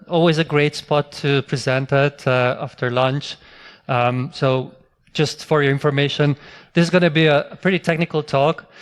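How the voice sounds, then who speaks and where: A middle-aged man from Hungary giving a technical conference talk, relaxed, with many fillers and restarts. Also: a little high, clear, resonant tone. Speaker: conference speaker. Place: conference hall.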